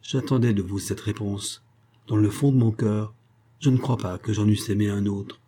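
A man's voice: mid-range voice, fairly quick, warm tone, breathy edge, natural voice. A man reading a fervent young woman. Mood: earnest.

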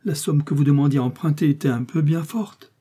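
A man's voice: a little high, a little fast, warm tone, breathy edge, voice pushed up. A man doing a plaintive, jealous lawyer's wife. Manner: plaintive, sighing. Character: jealous, pleading middle-aged lawyer's wife.

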